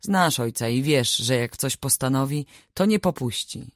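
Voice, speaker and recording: A woman's voice: extremely low pitch, lively intonation, a little slow, no echo, studio quality, heavily acted. A woman reading the lines of a blunt, grumbling young village brother in a storybook.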